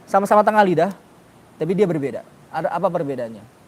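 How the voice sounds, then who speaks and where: A man's voice: high-pitched, expressive, quick pace. A man teaching a class on Quranic pronunciation, questioning his students and sounding out letters for them. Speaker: tajwid teacher.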